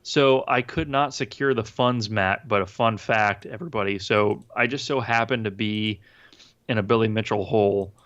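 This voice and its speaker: A man's voice: on the low side, normal speed, a bit bright, highs cut off. A man co-hosting a casual gaming podcast, rambling and swearing, with lots of fillers and restarts. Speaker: podcast co-host.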